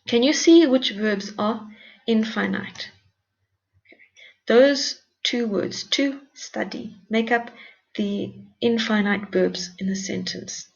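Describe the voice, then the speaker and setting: Woman teacher, patient and encouraging, gravelly voice, dull lo-fi recording. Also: mid-range voice. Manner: patient, encouraging, explains step by step. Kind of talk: recorded grammar lesson.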